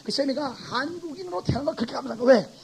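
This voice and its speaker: A male pastor gives an animated classroom lecture, acting out his examples and swinging between loud and soft. His voice is very high-pitched, gravelly and racing, on a rough recording.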